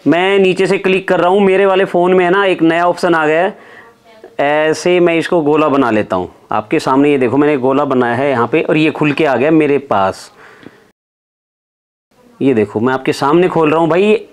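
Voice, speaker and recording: A man's voice: on the high side, normal speed. A young adult man hosting a casual shopping vlog, reacting in an upbeat, impressed way, on a lapel mic in a clothing shop. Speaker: vlogger, show host. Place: indoor clothing warehouse shop.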